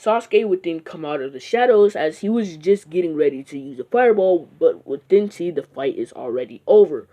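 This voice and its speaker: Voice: medium pitch, expressive, brisk, few pauses, mellow. A narrator telling a fan-made what-if story in a casual, rambling way, full of "like" and "uh" and restarts. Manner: rambling, with frequent fillers and restarts.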